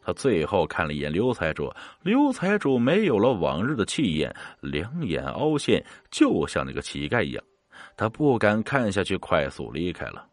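Male storyteller, low voice, expressive dramatic narration, dry close sound. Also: moderate pace, no room sound. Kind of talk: scripted ghost story narration.

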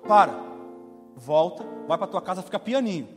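Man playing a bossy army general, high-pitched, blunt and dismissive, long hall reverb. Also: expressive, normal speed. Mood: angry. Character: angry commanding army general, adult man. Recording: reverberant hall with faint music.

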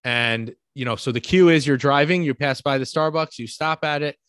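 A man's voice: fairly high pitch, normal speed, a bit bright, smooth, no echo, studio quality. New York man explaining casually. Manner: explains with everyday examples, frequent "right?" check-ins. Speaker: podcast co-host.

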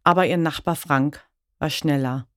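A woman reading a story aloud in a measured, grave way. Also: low-pitched, steady tone, no room sound, studio quality. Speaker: narrator.

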